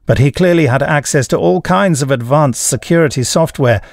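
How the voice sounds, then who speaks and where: A man reading scripted fiction in a measured, theatrical way with weighty pauses. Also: on the high side, gravelly, dry recording, studio quality. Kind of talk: dramatic scripted narration.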